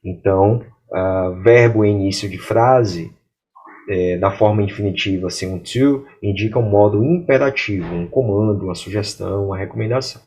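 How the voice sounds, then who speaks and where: Here a Brazilian Portuguese speaker gives an English grammar lesson, his explanations clear and his example sentences read out slowly. He has a fairly low, somewhat dark voice.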